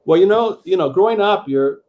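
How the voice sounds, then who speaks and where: A middle-aged man from Peru, a guest author talking in a measured, reflective way with many fillers over a video call. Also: sits high, lively intonation, a little mellow. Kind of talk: conversational interview.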